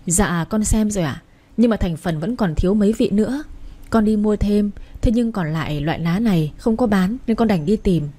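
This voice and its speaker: A woman's voice: mid-range voice, normal speed, dark tone, lightly acted. A woman voicing a meek, pleading young wife. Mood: apologetic. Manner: humble and pleading. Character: meek, devoted young daughter-in-law.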